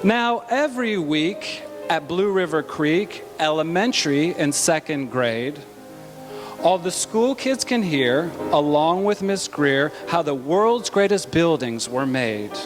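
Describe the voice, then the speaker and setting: A man narrating a rhyming children's story in an expressive, rhythmic storytelling manner. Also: a little high, takes it slowly, music in the background. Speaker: story reader.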